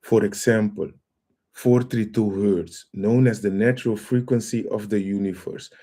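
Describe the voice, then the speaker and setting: A man hosting a casual livestream lecture, reading out viewer comments and calling his listeners fam, with a halting delivery full of trailing phrases. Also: fairly low pitch, steady tone, dark tone. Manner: reads out viewer comments and greets the chat; calls listeners fam and family. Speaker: livestream host.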